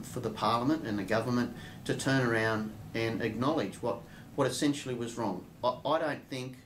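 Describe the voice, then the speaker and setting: An Australian man giving a thoughtful interview answer as a political candidate, pausing often with fillers. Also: mid-range voice, slight background noise, poor audio. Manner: thoughtful, hesitant with many fillers. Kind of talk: casual spoken interview answer.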